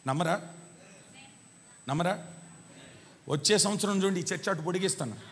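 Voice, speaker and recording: A man preaching a sermon as pastor, firing rhetorical questions at the congregation and urging them to answer louder, swinging between loud cries and quiet asides. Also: high-pitched, moderate pace, very noisy. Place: church hall. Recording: long reverb of a church hall.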